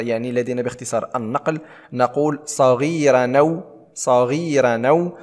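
A man teaching a tajweed lesson, explaining rules and then reciting verses slowly with long drawn-out vowels. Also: mid-range voice, long reverb tail.

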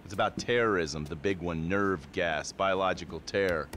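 A man's voice: low voice, normal speed, a bit bright, slight background noise. An actor playing a smug, patronizing male federal agent in a video game cutscene. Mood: mocking. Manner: mocking, patronizing. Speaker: smug government agent character.

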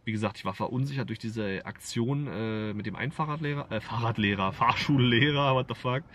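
A man's voice: mid-range voice, brisk, fairly bright tone. A man vlogging in casual storytelling mode, rambling with lots of fillers and frequent swearing. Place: Berlin.

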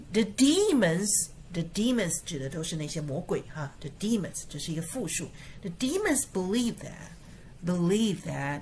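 A woman teaching English through a Bible verse, explaining words and reading slowly and deliberately, word by word. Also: on the low side, darkish tone, a little hiss or hum.

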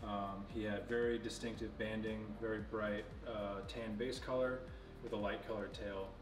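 A young man in his twenties casually showing and explaining snakes in an indoor reptile room, relaxed and knowledgeable, with many fillers. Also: on the low side, moderate pace, recorded from a distance. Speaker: facility owner giving a tour. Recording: echoey room, off-mic, music behind.

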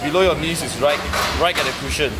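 A man's voice: on the high side, steady tone, fast, heavy background noise. A young man casually demonstrating a workout as a gym trainer. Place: indoor gym. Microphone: handheld camera at a short distance. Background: loud music.

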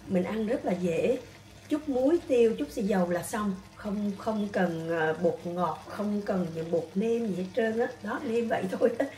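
A woman with a Southern Vietnamese accent chatting casually in a home cooking vlog, coaxing her dog in soft tones. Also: medium pitch, echoey room, far from the mic. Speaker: vlogger.

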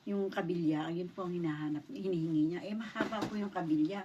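Telling a personal story in her vlog, a middle-aged woman from the Philippines stays polite while voicing the quoted lines of the people involved. She talks briskly in a fairly low, warm, husky voice; the highs are cut off, and the distant mic picks up faint noise.

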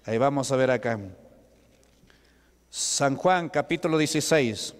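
Brief: male pastor, slow and resonant, quizzes his flock, long church reverb. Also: medium pitch, smooth. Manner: asks the congregation rhetorical questions. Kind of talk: Pentecostal sermon. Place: church hall.

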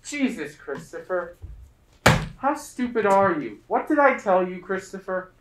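A man's voice: sits high, big pitch swings, unhurried, heavy background noise. A young man acting an exasperated father who scolds his son on stage. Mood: angry. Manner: scolding, sharp. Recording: echoey stage room.

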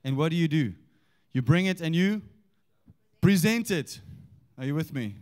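A man delivers a sermon to a church congregation, his voice sitting a little higher than most men's. He reads scripture slowly and with weight, then turns to the people with questions and calls for them to answer back. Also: expressive, darkish tone. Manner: emphatic, engaging the congregation with questions. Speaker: preacher.

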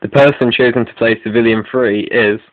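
Briskly and in a steady, mid-range voice, a male video creator reads scripted announcements for an online update. No room sound is audible, though the recording is phone-like with narrow, lo-fi quality.

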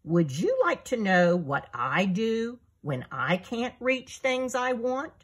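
A patient male owl from a children's storybook asks his questions gently and calmly, as a woman reads him. Her delivery is unhurried and slightly breathy. The tone stays kind and even-tempered. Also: a little high, pitched above the performer's own voice, full character voice. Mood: gentle.

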